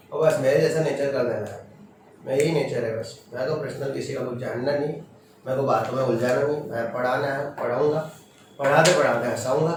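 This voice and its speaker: A man teaching chemistry to a class in a firm, strict manner, often checking with short questions. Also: mid-range voice. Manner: firm, stern, quizzes students with short questions. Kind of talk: classroom lecture. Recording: echoey classroom from far off, noisy.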